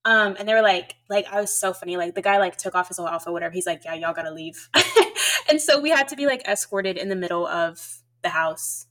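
A woman in her twenties from the United States co-hosts a podcast, telling stories in a chatty, casual way packed with fillers. Her voice is fairly low-pitched with a fairly bright tone, and she speaks briskly.

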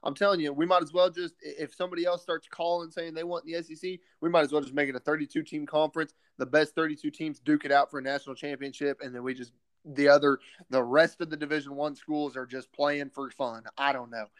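A man co-hosting a casual sports podcast, emphatic and excited, often calling his partner "man". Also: fairly high pitch, fast talker, no echo. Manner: excited and opinionated.

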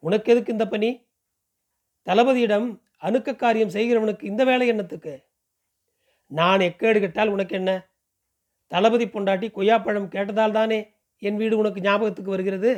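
A man's voice: sits high, steady tone, moderate pace, long pauses, close to an everyday voice. A man voicing Maha, a proud, hurt young woman who answers bitterly. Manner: bitter and sharp-tongued.

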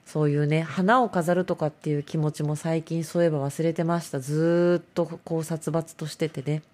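A woman's voice: low voice, steady tone, moderate pace, darkish tone. A middle-aged woman hosts a casual solo talk show, rambling and self-mocking.

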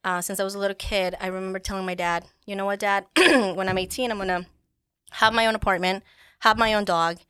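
A woman's voice: medium pitch, steady tone, brisk, clear, resonant tone, no room sound. A woman from Ecuador telling her life story as a podcast studio guest, with frequent fillers. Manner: warm storytelling with soft laughs and fillers. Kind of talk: casual interview talk. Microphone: studio microphone.

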